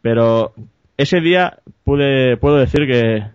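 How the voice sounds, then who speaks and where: Here a medium-pitched man with a Spanish-from-Spain accent takes his time over a casual podcast anecdote, his voice a little mellow and his tone clean. He drifts, self-corrects, and swears his way through crude jokes. No room sound comes through the dry, dull lo-fi podcast recording.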